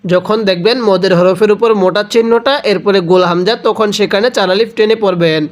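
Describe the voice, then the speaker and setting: A man with a Bangladeshi Bengali accent teaching Quran recitation, drawing each word out slowly and then explaining quickly. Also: sits high, steady tone. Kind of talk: spelling-out Quran recitation lesson.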